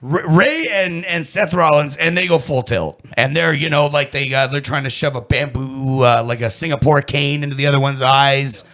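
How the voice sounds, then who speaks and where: A man's voice: medium pitch, normal speed, hardly any pauses, fairly bright tone. A man co-hosting a podcast, telling a story in casual, profane chat. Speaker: podcast co-host.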